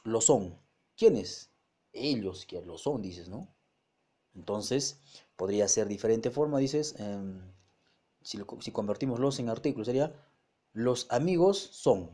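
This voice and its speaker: A man teaches a grammar lesson in a mellow, darkish voice. He works through the points step by step, stumbling and restarting words. He often pauses to check that his students follow. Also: fairly low pitch, husky.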